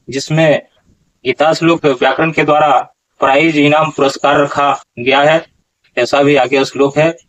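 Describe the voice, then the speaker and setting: A man teaching how to pronounce a Gita verse. He talks slowly, asks questions and corrects recitations. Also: mid-range voice, low-quality recording. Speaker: Sanskrit pronunciation teacher.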